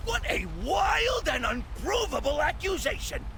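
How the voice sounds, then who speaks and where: A woman's voice: extremely high pitch, sing-song, a little slow, gravelly, a bit bright, slight background noise, pitched above the performer's own voice, exaggerated voice. A woman voicing a scheming, greedy male goblin boss who is bossy and smug.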